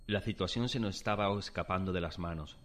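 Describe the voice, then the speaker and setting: Deep low spanish guy telling a spooky story slow and solemn, soft music underneath. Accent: Spanish from Spain. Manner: measured, solemn. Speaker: narrator and protagonist. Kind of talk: scripted first-person storytelling. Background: faint background music.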